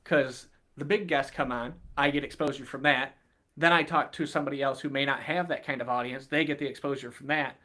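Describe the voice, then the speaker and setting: A man, a podcaster appearing as a guest, calmly explaining his view in an earnest, steady way during a casual interview. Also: medium pitch, fairly quick.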